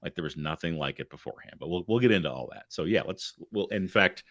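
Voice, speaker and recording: Deep-voiced teasing man. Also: animated, fast talker, fairly bright tone, no room sound, clean studio sound. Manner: teasing, playful, laughs often. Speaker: podcast co-host. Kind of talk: casual chat.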